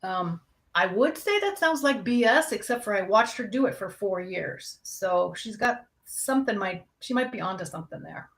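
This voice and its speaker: Candid woman counselor, young adult, mid-pitched, easy conversational delivery. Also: expressive, moderate pace, fairly bright tone. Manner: candid, conversational, speaks to a live audience. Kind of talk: casual talk on anxiety.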